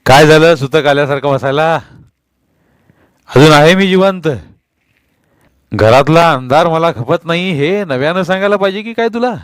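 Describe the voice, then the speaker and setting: A man voicing a harsh, angry middle-aged husband who shouts and scolds his wife, raising his voice high and loud. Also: normal speed, clear, resonant tone, no room sound, lightly acted. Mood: angry shouting.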